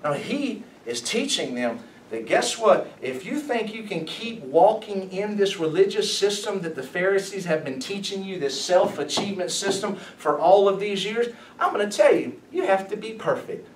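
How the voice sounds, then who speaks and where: A man preaching as a pastor, emphatic and animated, asking his listeners questions as he teaches. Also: high voice, normal speed, a little hiss or hum. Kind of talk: sermon, Bible study teaching. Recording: echoey room, mic at a distance.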